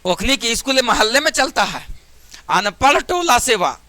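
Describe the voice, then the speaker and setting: A man's voice: very high voice, sing-song, normal speed, pushed and bright, dry recording. A man with a Bihari accent teaching math to a class in a classroom, chatty and joking, sometimes scolding students. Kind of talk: classroom lesson.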